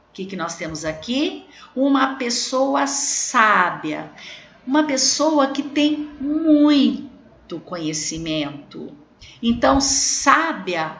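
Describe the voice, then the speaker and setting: Woman, Brazilian accent, primary teacher, slow careful speech, echoey room, dull lo-fi sound. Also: a little high, a bit bright. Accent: Brazilian Portuguese. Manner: slow, patient, spells out words to children. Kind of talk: video lesson correcting exercises.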